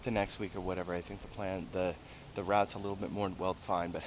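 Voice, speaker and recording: A man chatting casually to his vlog in a hesitant, low-key way. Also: flat delivery, quick pace, slight background noise. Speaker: running vlogger. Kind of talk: casual vlog chat, standing at home before and after a run.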